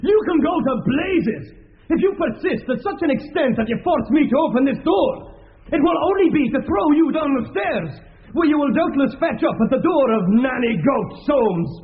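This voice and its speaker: Irascible, scolding, high-pitched student. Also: male voice, lively intonation, normal speed. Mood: furious, scolding. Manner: scolding, blustering, indignant. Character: irascible scolding male student shouting through a door. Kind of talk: period radio drama acting. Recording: muffled, phone-like band-limited radio recording.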